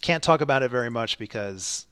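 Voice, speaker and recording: A man's voice: mid-range voice, expressive, brisk, a bit bright, clear, resonant tone, no echo. A man hosting a podcast, chatting casually and rambling with fillers and restarts. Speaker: podcast host.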